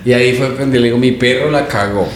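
A man's voice: medium pitch, fast, crowd noise. A man, a guest comedian telling an anecdote in casual, slangy podcast chat. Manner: storytelling, slangy, animated retelling. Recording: roomy podcast studio with faint noise.

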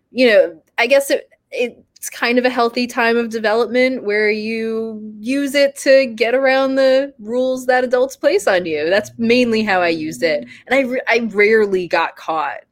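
A woman's voice: medium pitch, no room sound. Candid woman in her thirties. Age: 30s. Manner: candid, laughs easily, casual swearing. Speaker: guest. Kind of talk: casual interview conversation.

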